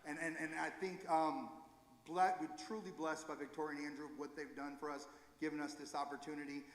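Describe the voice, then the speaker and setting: A man leading a recovery ministry gives an informal, earnest church talk, halting and correcting himself as he goes. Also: a little high, fairly even intonation. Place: church sanctuary. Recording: echoey hall with long reverb.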